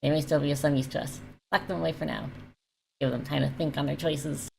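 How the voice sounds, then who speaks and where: Woman as a smug, low-voiced, creaky elf villain. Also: steady tone, fairly quick, darkish tone. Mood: cold. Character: haughty elf lord villain, smug, fanatical, condescending. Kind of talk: reading video game dialogue aloud. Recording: faint background noise.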